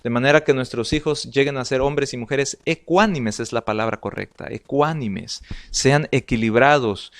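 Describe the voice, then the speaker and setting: A man's voice: mid-range voice, normal speed, hardly any pauses. A man with a Salvadoran Spanish accent giving an earnest family life sermon, reading slides aloud and repeating words as he goes. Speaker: pastor.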